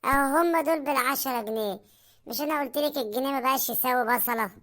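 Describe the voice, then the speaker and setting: A woman's voice: high voice, fast, fairly bright tone. A woman voicing a hard-up, hungry husband in a cartoon, with an Egyptian accent and a whining, complaining manner. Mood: grumbling. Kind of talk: cartoon comedy voice acting.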